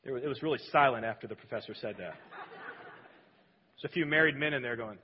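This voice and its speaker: A pastor preaching a sermon in a large church sanctuary, earnest and emphatic, often dropping suddenly quiet. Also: male voice, medium pitch, fast, a little hiss or hum. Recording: dull lo-fi sound with long hall reverb.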